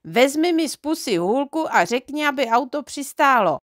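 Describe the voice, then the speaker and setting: A woman voicing an eager, boastful little boy dwarf in a storybook reading, talking in quick explaining bursts. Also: high-pitched, expressive, a bit bright, no echo, clean studio sound, pitched above the performer's own voice.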